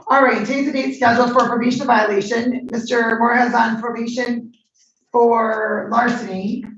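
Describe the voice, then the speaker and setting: A woman judge presiding over formal court proceedings, speaking in a firm, measured way, heard on a courtroom recording. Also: a little high, slight background noise. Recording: muffled echoey courtroom recording from far off.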